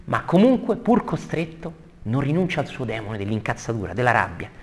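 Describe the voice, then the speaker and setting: A man's voice: mid-range voice, sing-song. Enthusiastic male lecturer reading Dante. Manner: enthusiastic, repeats praise, reads verses slowly and emphatically. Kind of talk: lively literary lecture with readings. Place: lecture room with audience.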